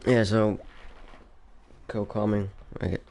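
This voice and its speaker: Over a little hiss or hum, a fairly low, gravelly male voice speaks slowly and in a level tone. He's a young racing league commentator from Poland, with a Polish accent touched by Finnish, rambling in casual chat on a voice call before a race and exhausted from not sleeping. He laughs a lot and lets sentences fade out quietly.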